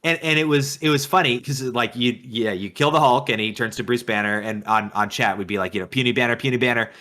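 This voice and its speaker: A man co-hosting a casual gaming podcast, excitable and laughing often. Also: mid-range voice, fairly quick. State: tired late at night. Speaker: podcast co-host.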